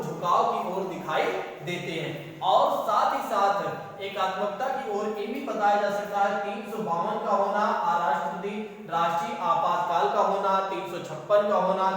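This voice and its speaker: A man with a high voice gives an exam-prep lecture. He keeps turning his points into rhetorical questions and then answers them. He is heard from a distance in a very echoey room with a long reverb tail. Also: a bit bright. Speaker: teacher.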